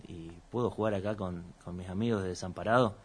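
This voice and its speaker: A man's voice: deep voice, steady tone, fast. A man, a musician guest chatting casually and rambling a little on a radio show. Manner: rambling, chatty, self-deprecating. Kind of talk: casual radio interview chat.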